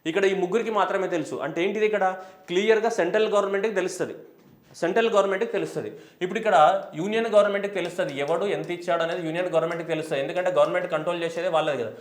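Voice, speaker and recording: A man's voice: high voice, rapid-fire, reverberant. A man, teaching an exam-prep class and firing questions he answers himself. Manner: emphatic, asks and answers his own questions; switches between Telugu and English. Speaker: teacher for competitive exams. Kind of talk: classroom lecture.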